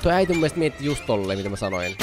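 An excitable young man reacts live to short animations, gasping and calling out to what he sees. His voice swings widely up and down in pitch, at an ordinary middle height. Faint music plays underneath. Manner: excitable, gasps often, talks to the screen. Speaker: YouTuber host.

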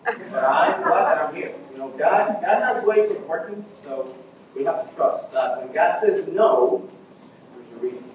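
A man serving as priest and leading a Mass in a large church, with a heavy cathedral echo. He moves from a relaxed, chatty greeting to formal prayer. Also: on the high side, unhurried, a little hiss or hum. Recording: muffled echoey church from far off.

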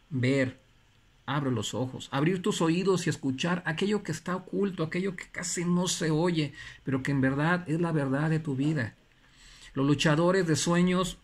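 Earnest man giving a motivational talk. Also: fairly high pitch. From Mexico. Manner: earnest and preachy, repeats phrases for emphasis, with pauses. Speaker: motivational speaker.

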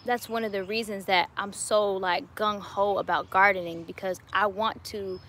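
A woman in her twenties, probably late twenties, answers live chat as a YouTuber from her home garden, speaking into a phone or webcam held at arm's length. Her mid-range voice is steady, a bit bright, and at normal speed, upbeat with frequent laughter, over slight background noise.

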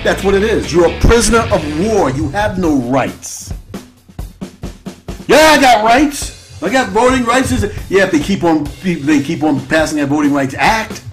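A man hosts an internet radio show, delivering an unscripted political monologue over soft background music at a moderate pace. His intonation is lively and sweeps in pitch, and he repeats himself, piling on rhetorical questions and "right?" tags.

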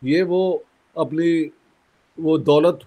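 A man from Pakistan, a guest in an interview, speaking in a measured, critical way with pauses and a sore throat. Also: a little high, dark tone. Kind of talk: conversational interview.

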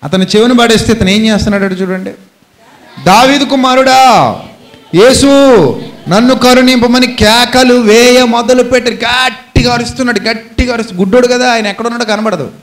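A man preaching a sermon with a Telugu accent, telling a Bible story dramatically and switching between loud cries and low speech. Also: steady tone, fast talker, hardly any pauses. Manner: dramatic storytelling, shouts out the beggar's cries, then drops low. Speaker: pastor.

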